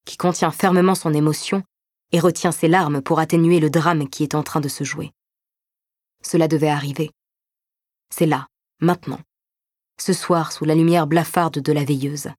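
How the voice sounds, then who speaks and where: A woman's voice: deep voice, a little mellow, no echo, clean studio sound. A woman reading a scripted literary story as its narrator.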